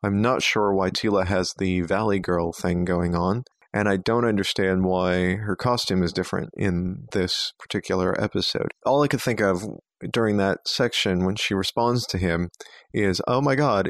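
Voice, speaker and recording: A man's voice: low-pitched, steady tone, normal speed, dry recording, studio quality. A man co-hosting a podcast, giving blunt critical opinions in casual chat.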